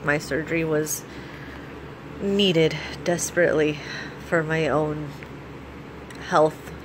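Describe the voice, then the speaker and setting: An American woman vlogger talking casually and giving practical advice, explaining things in an informal, halting way. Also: low-pitched. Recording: clearly audible steady background noise.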